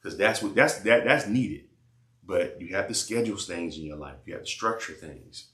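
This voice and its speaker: A man with a very low voice gives blunt, preachy life advice in loose slang, often saying the same thing twice. His voice echoes around a bare room. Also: lively intonation, normal speed, a bit bright. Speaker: vlogger giving life advice. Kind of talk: casual advice monologue and phone chat.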